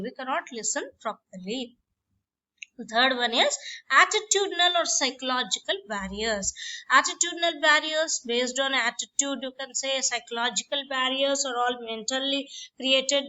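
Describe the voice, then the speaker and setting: A woman lecturer explains points in a classroom, repeating herself and using fillers. Her voice is high-pitched, bright and forceful, in a dull, lo-fi recording.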